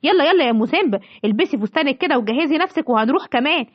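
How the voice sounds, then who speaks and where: Woman voicing a soothing Egyptian father lion for a kids' story; high, rapid, dull sound. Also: animated. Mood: reassuring. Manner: fast, soothing, repetitive. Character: father lion, easygoing peacemaker. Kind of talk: home-made children's story acting. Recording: dull lo-fi recording.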